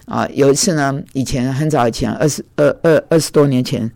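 A man's voice: mid-range voice, brisk, vocal fry, a little mellow, no echo. Reflective, hesitant middle-aged man preaching. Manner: reflective, hesitant with frequent filler sounds. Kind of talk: sermon.

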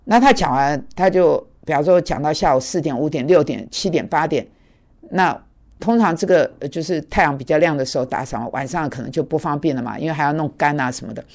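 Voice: medium pitch, brisk, gravelly. A preacher giving a conversational sermon, telling a personal story with many fillers and English words mixed in.

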